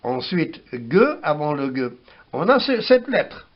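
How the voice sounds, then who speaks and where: A man giving a spoken language lesson, slowly repeating words to show how they are pronounced, on a dull lo-fi recording. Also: on the high side, very animated. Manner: slow, repeats words for pronunciation. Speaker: language teacher.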